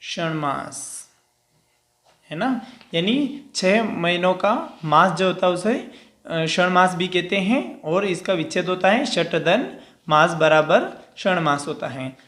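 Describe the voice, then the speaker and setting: A man's voice: sits high, expressive, a little slow, a bit bright, reverberant. A male teacher giving a grammar lesson, explaining step by step and answering his own questions.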